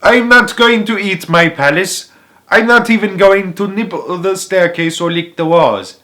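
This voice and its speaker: Guy doing a stuck-up nutty prince, yelling high and indignant, storybook character. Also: measured pace. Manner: shouting, indignant. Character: haughty, foolish, crazy Indian prince, loud and stubborn.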